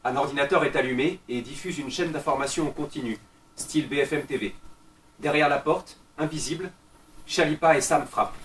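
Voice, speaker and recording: A man reading the stage directions of a play, calm and measured. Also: fairly high pitch. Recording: roomy, distant mic, faint noise.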